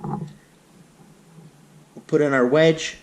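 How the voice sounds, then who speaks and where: A man's voice: on the high side, steady tone, drawn-out words. A man giving a casual, plain-spoken, unscripted hands-on tutorial as an instructor. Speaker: instructor in a how-to demonstration.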